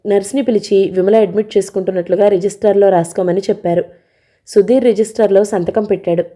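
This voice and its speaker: A woman reads a novel aloud at an even storytelling pace. Her voice is very dark and mellow, with a pitch in the middle range for a woman. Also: fast. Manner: steady storytelling reading. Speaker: audiobook narrator. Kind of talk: scripted narration.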